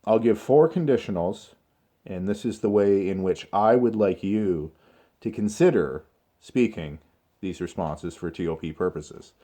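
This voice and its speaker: A man with a low, mellow voice gives a spoken grammar lesson. He talks slowly and deliberately and leans on key words with pauses. His delivery is measured, like a tutor coaching exam students. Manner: slow, deliberate, with stretched words and pauses for emphasis. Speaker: English teacher.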